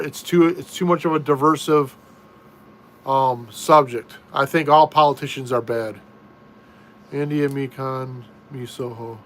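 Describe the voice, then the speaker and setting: A middle-aged American man hosts a laid-back live stream from a room at home, reading viewer comments. His voice is on the high side and a bit bright, and he talks slowly, repeating himself and often restarting sentences.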